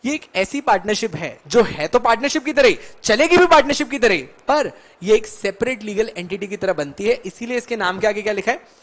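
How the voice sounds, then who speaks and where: A man's voice: high-pitched, lively intonation, brisk, fairly bright tone. A young man lecturing a live class on law, teasing students by name and mixing Hindi with English.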